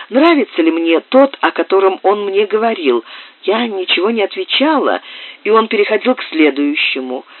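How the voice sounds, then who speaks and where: A woman narrating an audiobook in the first person, expressive storytelling, on a tinny, dry recording. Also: mid-range voice, no room sound. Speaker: audiobook reader. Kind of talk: scripted narration. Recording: tinny, narrow-band, dry.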